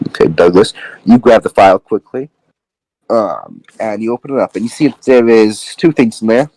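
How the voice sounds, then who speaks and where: A man's voice: fairly low pitch, normal speed, a little mellow, no echo, rough recording. A man narrating as game master in a casual, rambling way with many fillers.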